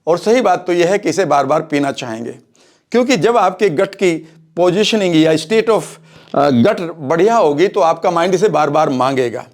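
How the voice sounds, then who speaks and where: A man's voice: a little high, lively intonation, moderate pace. A man explaining a home recipe step by step, checking in with the viewer as he goes and mixing English phrases into his Hindi. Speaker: wellness coach.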